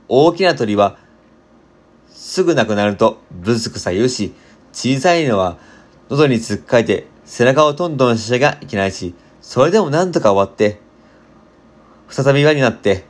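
Male reader, casual storybook narration, mid-pitched, chatty. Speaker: volunteer reader.

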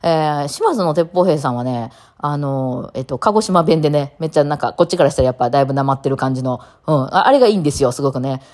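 A woman's voice: deep voice, fast, few pauses, darkish tone. A woman with a Kansai accent hosting a casual solo talk show, rambling chattily and laughing often between many fillers. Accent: Kansai Japanese. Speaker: podcast host.

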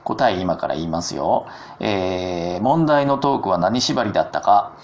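A man with a lowish voice hosts his own solo talk show in a chatty, self-mocking way. His pitch swings widely as he throws in jokey asides. The delivery stays casual and conversational. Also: animated, moderate pace, a little hiss or hum. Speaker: podcast host.

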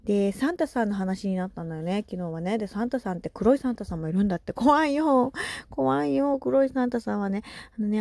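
A woman in her thirties chatting casually on her solo podcast, animated and laughing often, with soft asides. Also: medium pitch, dry recording, clean studio sound. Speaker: podcast host.

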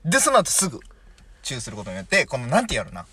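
A man's voice: mid-range voice, wildly swooping pitch, racing, a bit bright, slight background noise. A young man in his twenties with a Kansai accent, co-hosting a comedy talk show and reading out listener letters in a playful, teasing way. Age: 20s. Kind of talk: casual comedic banter.

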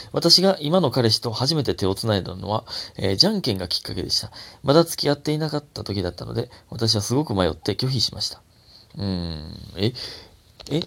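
A young man with a Kansai accent, a comedian chatting solo on his own show, his throat a little hoarse and his voice jumping up high when he gets excited. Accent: Kansai Japanese. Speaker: comedian podcast host. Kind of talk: casual solo talk.

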